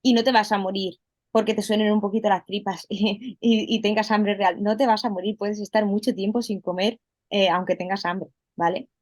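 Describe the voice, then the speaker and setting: A woman's voice: medium pitch, fairly even intonation, moderate pace, a little mellow, dry recording. A woman coach explaining things in a casual interview, with many fillers and restarts. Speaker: holistic health coach, guest. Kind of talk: conversational interview.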